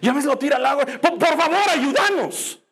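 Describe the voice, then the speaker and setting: A man preaching who voices a desperate father begging for help for his sick son, in high, strained, pleading cries. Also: animated, normal speed, a bit bright.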